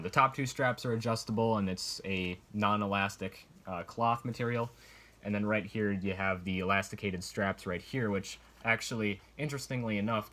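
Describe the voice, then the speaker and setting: A man's voice: lowish voice, a bit bright. A man giving a casual, unscripted show-and-tell review in a rambling, hesitant way, hedging as he explains. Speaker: collector reviewing military surplus gear.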